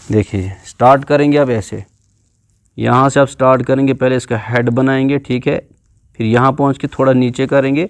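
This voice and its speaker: Male teacher with a Pakistani Urdu accent, mid pitch, patient step-by-step lesson with drawn-out demonstrations. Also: creaky, no room sound. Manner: patient, explains letter by letter and stretches out sounds to demonstrate. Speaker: Quran teacher. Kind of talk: classroom video lesson.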